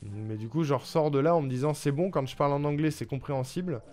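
A man's voice: fairly high pitch, fast talker, darkish tone. A man from France chatting casually with viewers on a live stream, talking in a loose, hesitant way with lots of fillers and restarts. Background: background music.

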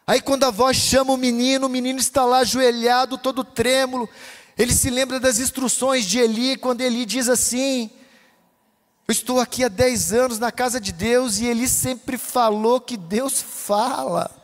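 A man's voice: very high-pitched, steady tone, moderate pace. A man preaching a fervent sermon with a Brazilian Portuguese accent, his delivery rising into a chanting cadence. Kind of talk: pentecostal sermon. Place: church hall. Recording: long church reverb.

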